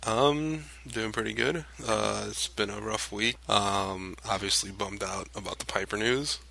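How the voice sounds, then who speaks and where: A man co-hosts a podcast in a laid-back, hesitant way. His voice sits fairly low and has a gravelly edge. It also has a bright, tense tone. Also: measured pace, a little hiss or hum, rough recording. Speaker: podcast co-host. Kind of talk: casual chat.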